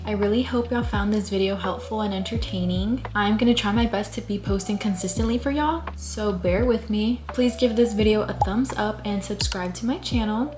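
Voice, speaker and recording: A woman's voice: medium pitch, normal speed, few pauses, darkish tone. A woman of about twenty, talking informally and chattily to viewers in a casual tutorial vlog style. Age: 19, about to turn twenty. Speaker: nail tech video host. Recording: music behind the voice. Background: background music.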